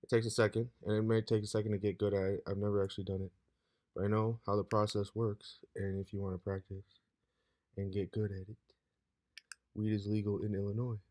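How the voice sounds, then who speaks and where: A hoarse man in his late twenties rambling loosely in a casual vlog, saying "dude" constantly. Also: on the low side, little pitch movement, brisk, a little mellow. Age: 20s. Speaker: vlogger.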